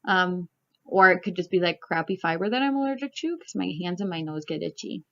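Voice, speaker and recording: A woman's voice: fairly low pitch, brisk, fairly bright tone. A young woman from Canada, chatting casually as a knitting vlogger in a rambling way, full of "like" and "um", recorded at home. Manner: rambling, filler-heavy, peppered with "like" and "um". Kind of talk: casual chat. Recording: slightly dull home recording.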